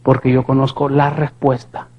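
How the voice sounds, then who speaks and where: A man preaching his testimony as a sermon, impassioned, swinging from hushed to shouting and asking the congregation questions. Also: medium pitch, completely flat delivery, normal speed, muffled recording.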